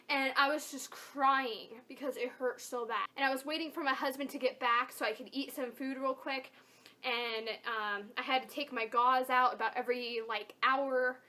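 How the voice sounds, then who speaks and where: A woman's voice: high-pitched, pushed and bright. A young adult woman telling a personal story in a casual, chatty, informal way, as a vlogger talking to her viewers. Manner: chatty, informal, emphatic with frequent "like" and "totally".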